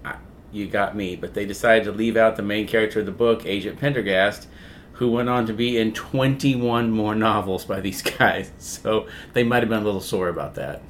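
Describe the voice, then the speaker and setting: A man's voice: lowish voice, fairly even intonation, normal speed, slight background noise. A man co-hosting a casual podcast, retelling a movie plot in a loose, profane way. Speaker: podcast co-host.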